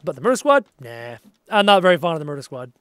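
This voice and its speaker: This live game streamer has a slightly high voice and talks fast, casually reading viewer messages from his home desk and perking up easily. His voice sounds tired and worn, his energy is flagging, and there's no echo.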